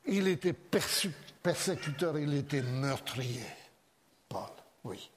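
A man's voice: fairly high pitch, expressive, takes it slowly, noisy background. A man preaching a sermon. He talks in a hesitant way, often loses his place and repeats himself. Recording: long reverb of a large hall.

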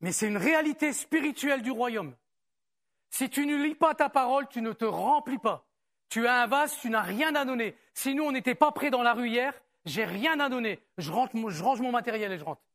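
A man preaching a sermon to his congregation. He talks in a conversational way, asks rhetorical questions and reads scripture aloud more slowly. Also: very high voice, lively intonation, fairly bright tone. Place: church service.

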